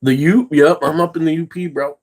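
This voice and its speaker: A man's voice: fairly high pitch, fairly even intonation, brisk, a little mellow. A man hosting a casual livestream, chatting with viewers and ranting with heavy profanity. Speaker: livestream host.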